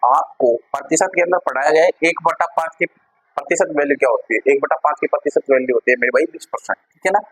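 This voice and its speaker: A man's voice: fairly high pitch, fast, a bit bright, breathy edge, low-quality recording. A man teaching a maths lesson to students, who talks them through each step and keeps checking that everyone has understood. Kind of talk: classroom-style maths lesson.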